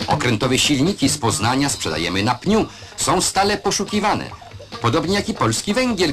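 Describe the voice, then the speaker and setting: A man narrating an old newsreel in the classic voice-over manner, proud and declamatory. His pitch swings widely through each sentence and he tosses in rhetorical questions. Music plays under the archival soundtrack throughout.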